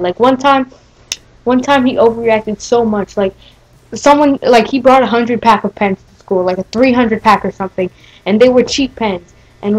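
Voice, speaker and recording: A teenage-sounding woman hosting a gaming video tells a story casually over gameplay, rambling with lots of fillers and restarts. Her voice is fairly high with a darkish tone, and the recording is rough.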